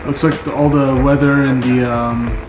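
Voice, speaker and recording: A man's voice: mid-range voice, level tone, normal speed, roomy sound, music in the background, low-quality recording. A man giving casual running commentary as a flight sim streamer, thinking aloud and reading out figures. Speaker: flight simulator live streamer.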